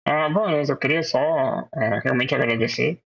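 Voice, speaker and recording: A man talks as a guest on a podcast, hesitant and modest, leaning on fillers. His voice is gravelly and a little raspy. The sound is dull and lo-fi, as if over a remote call. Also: mid-range voice, measured pace, fairly bright tone. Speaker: podcast guest, tech executive. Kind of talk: casual closing remarks.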